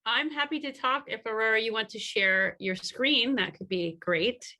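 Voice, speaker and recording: A woman's voice: a little high, moderate pace, pushed and bright. A woman on a video call summarizing her breakout group's ideas at a community meeting, with many fillers and restarts.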